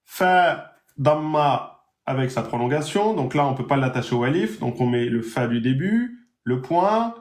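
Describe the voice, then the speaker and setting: A man teaching the Arabic alphabet in a live online lesson, drawing out each example word slowly. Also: mid-range voice, lively intonation, a little mellow, reverberant. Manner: slow drawn-out pronunciation of example words.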